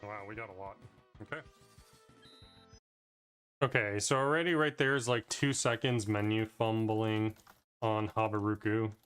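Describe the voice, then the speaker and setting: A man's voice: lowish voice, steady tone, unhurried, long pauses, fairly bright tone, smooth, soft background music. A man casually reviewing his own speedrun, talking loosely with plenty of "like" fillers. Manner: rambling, loose, with frequent "like" fillers. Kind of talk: casual commentary over gameplay.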